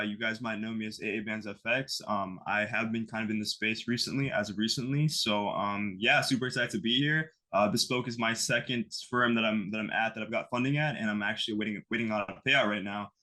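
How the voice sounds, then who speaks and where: Fast-talking bright young man, rambling. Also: fairly low pitch. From East Coast of the United States. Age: 20s. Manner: rambling, heavy on fillers like "you know" and "like". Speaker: interview guest, trader. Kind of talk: casual interview talk.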